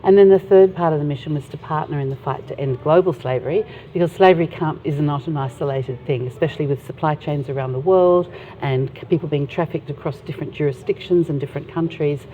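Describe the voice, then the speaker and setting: Woman, very low voice, earnest, phone-like sound. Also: quick pace, slight background noise. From Australia. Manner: earnest, explanatory, occasional fillers. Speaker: anti-trafficking charity founder. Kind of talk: interview. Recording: tinny phone-like audio.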